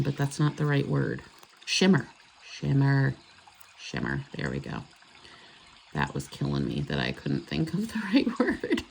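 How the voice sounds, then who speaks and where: A woman's voice: deep voice, creaky, a little mellow, slight background noise. A woman chatting casually and rambling as she does her nails. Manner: chatty, rambling, self-correcting. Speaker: nail vlogger. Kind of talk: casual chat while doing nails.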